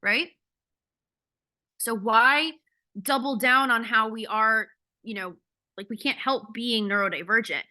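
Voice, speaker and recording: A woman's voice: on the high side, measured pace, long pauses, bright, forceful tone. A woman coach giving a casual, candid talk on a video call, blunt and swearing freely. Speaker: ADHD coach.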